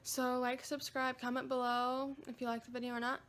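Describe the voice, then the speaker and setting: A woman's voice: high voice, flat delivery, brisk, a bit bright. A young woman vlogging casually with the hiccups, chatty and self-mocking. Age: young adult. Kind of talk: casual vlog chat.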